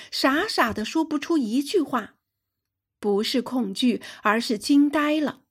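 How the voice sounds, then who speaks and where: A woman's voice: a little high, breathy edge. A woman narrating a sci-fi adventure audiobook for young listeners, telling it expressively. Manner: expressive storytelling.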